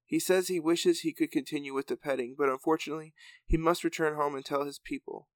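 A man's voice: on the high side, steady tone, fast, no room sound, lightly acted. A man voicing Jack, a young male hero who plainly relays a lizard's messages in a read-aloud story. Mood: calm.

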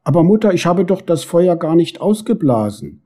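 A man's voice: high-pitched, sing-song, normal speed, dark tone, voice pushed up. A man voicing a small, disobedient boy beetle who whines and pleads, in a storybook reading. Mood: whiny pleading. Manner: pleading, tearful.

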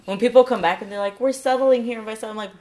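A woman's voice: fairly high pitch, rapid-fire, crowd noise. A young woman co-hosting a podcast, rambling in casual chat with many fillers and laughs. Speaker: podcast co-host.

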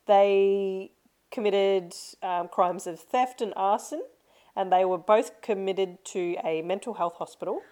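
Woman, podcast co-host, relaxed storyteller, easy laughter, casual chat. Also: medium pitch, takes it slowly. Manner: chatty, laughs often, tells stories with lots of fillers.

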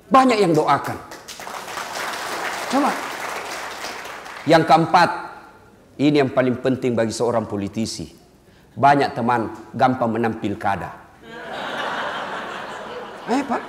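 A man preaching a humorous sermon, lively and jokey, swinging between loud and soft. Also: medium pitch, noisy background. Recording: echoey hall with long reverb.

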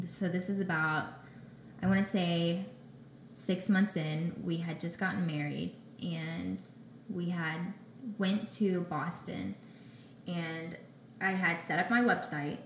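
A young adult woman, a guest on an interview show, telling her story in a casual way and acting out conversations with lively back-and-forth. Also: fairly low pitch, slight background noise. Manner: animated, acts out conversations in quick back-and-forth. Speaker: podcast guest, small bakery founder. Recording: roomy echoey room.

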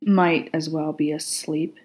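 A woman's voice: low voice, flat delivery, takes it slowly, a little mellow, poor audio. A woman voicing a grumpy, sardonic male demon who grumbles and argues. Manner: grumbling, argumentative.

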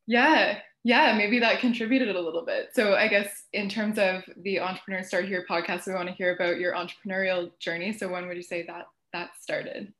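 A woman hosting a podcast, asking relaxed, friendly questions in casual chat. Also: mid-range voice, a little fast, hardly any pauses. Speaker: podcast host. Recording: echoey room.

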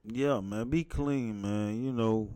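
A man's voice: fairly low pitch, takes it slowly, mellow, clear, resonant tone, dry recording. A man guest in casual profane chat, blunt and preachy, tagging "man" onto his lines. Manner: laid-back, blunt, preachy, says "man" a lot.

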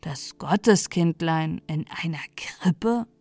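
A woman's voice: mid-range voice, expressive, normal speed, no room sound, close to an everyday voice. A woman voicing a reluctant, grumbling little king wren bird in a storybook.

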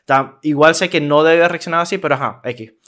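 A young man with a Venezuelan accent, casually telling a story on a podcast, slangy and animated, acting out what people said. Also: a little high, fast. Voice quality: animated, slangy, acts out quoted voices. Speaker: podcast co-host.

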